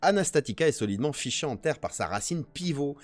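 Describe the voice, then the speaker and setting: A man's voice: mid-range voice, expressive, quick pace, no room sound, faint music behind. A French man streaming, reading a botany text aloud and chatting with viewers, joking between passages. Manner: reads text aloud then jokes and chats with viewers. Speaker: Twitch streamer doing a nature press review. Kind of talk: casual live-stream reading and commentary.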